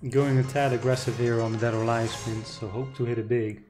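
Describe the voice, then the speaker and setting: A man's voice: mid-range voice, flat delivery, fairly quick, over music. A man streaming slot games, chatting casually and greeting viewers by name as he spins. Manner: chatty, reads out viewer names, cheers at the slot. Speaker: casino streamer. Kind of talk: casual live-stream chat.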